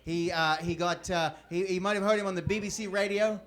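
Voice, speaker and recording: A man introducing the next comedian at a club, halting and restarting as he speaks. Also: sits high, fairly even intonation, fairly bright tone. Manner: halting, full of fillers and restarts. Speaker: show emcee.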